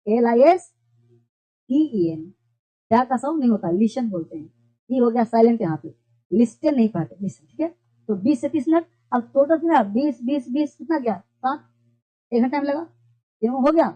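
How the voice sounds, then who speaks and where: An English teacher delivers a classroom-style lesson in a high, dark-toned voice with lively intonation, a moderate pace and long pauses. They keep repeating points and pose questions only to answer them themselves, all on a dull lo-fi recording.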